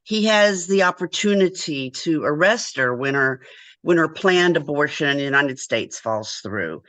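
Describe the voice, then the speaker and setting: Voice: mid-range voice, lively intonation, moderate pace, fairly bright tone, dry recording. An interviewer asking long, prepared questions about a film, stumbling now and then.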